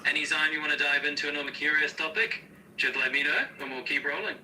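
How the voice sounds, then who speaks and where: A man's voice serving as an AI co-host, answering questions in a smooth, upbeat, explanatory way with casual slang. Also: a little high, steady tone, fast, pushed and bright, distant mic, slight background noise, low-quality recording. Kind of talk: conversational Q&A co-hosting.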